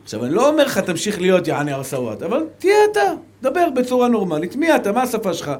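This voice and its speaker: A fervent Israeli rabbi with a high-pitched voice delivers a Torah lecture. He drops into soft, low asides and then climbs to raised, emphatic appeals to his listeners. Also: wildly swooping pitch.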